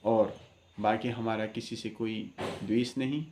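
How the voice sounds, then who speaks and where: A man's voice: lowish voice, steady tone, slow, darkish tone, reverberant. A man, an astrologer, giving an impassioned spoken address, earnest and preaching, with many rhetorical questions.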